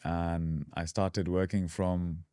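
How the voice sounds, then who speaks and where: A man from Dubai in his thirties, a podcast guest talking casually and explaining his path with relaxed fillers. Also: low voice, takes it slowly, smooth, no room sound, studio quality. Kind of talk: casual interview.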